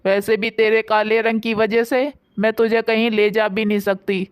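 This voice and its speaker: A woman's voice: on the high side, level tone, moderate pace, clean tone, no room sound, lightly acted. A woman voicing a harsh, scolding older mother-in-law in a bedtime storybook. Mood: contemptuous. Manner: contemptuous, later remorseful.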